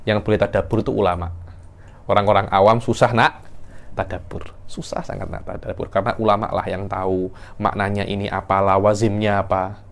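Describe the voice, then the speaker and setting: A man teaching a class on Quran recitation, jumping up in pitch as he demonstrates intonation. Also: gravelly. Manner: animated, acts out verse intonation with sudden pitch leaps. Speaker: religious teacher.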